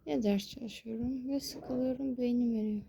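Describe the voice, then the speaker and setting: Vlogging from her bedroom, a young woman complains in an exasperated rant about having to study for her exams. She has a fairly high, mellow voice with vocal fry, a steady tone and normal speed. The poor-quality audio carries a little hiss or hum.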